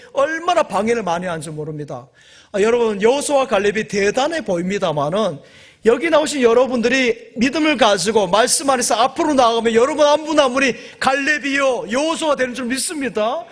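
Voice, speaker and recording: A man preaching a Sunday sermon as pastor, fervent and calling out to the congregation, at times rising to shouts and at times dropping to soft asides. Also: sits high. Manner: fervent, swells to shouts of affirmation; addresses congregation often, drops to soft asides. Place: church sanctuary.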